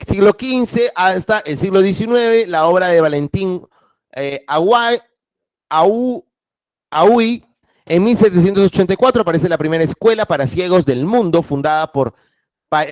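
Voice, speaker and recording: A male teacher giving a class, asking his students questions and reading a story aloud with lively expression. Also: sits high, dry recording. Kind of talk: online class lecture with read-aloud.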